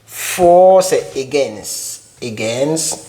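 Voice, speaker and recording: A man's voice: medium pitch, animated, extremely slow, mellow, a little hiss or hum. A man teaching English vocabulary in a casual whiteboard lesson, repeating each word many times and putting questions to his viewers.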